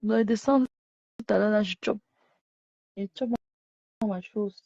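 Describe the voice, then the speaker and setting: Slow, creaky, and dark in tone, this mid-range female voice belongs to a live streamer scolding her viewers over and over. She lies at home, speaking into a phone she has put down. No room sound comes through, but the phone audio is dull and lo-fi.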